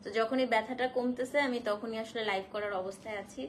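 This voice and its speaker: A woman hosting a casual live stream to sell saris, feverish and in pain, speaking slowly and softly and mixing in English phrases. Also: on the high side, steady tone, slight background noise. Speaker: online shop owner selling saris on a live stream.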